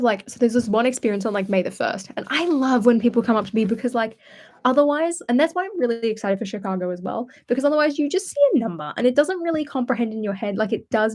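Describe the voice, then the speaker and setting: A woman's voice: on the high side, lively intonation, fast, darkish tone. A young woman hosting a casual live stream, telling rambling stories and answering comments in a chatty way. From Australia. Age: young adult. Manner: chatty rambling storyteller, many fillers. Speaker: channel host. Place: at home indoors.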